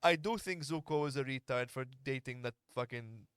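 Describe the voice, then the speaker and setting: A man hosts a casual podcast, teasing his guest with blunt, crude remarks. His voice sits at a middle pitch. The sound is dry and close, with no room around it. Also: moderate pace, fairly bright tone, clean tone, no room sound. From Malta. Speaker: podcast host. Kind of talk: casual chat.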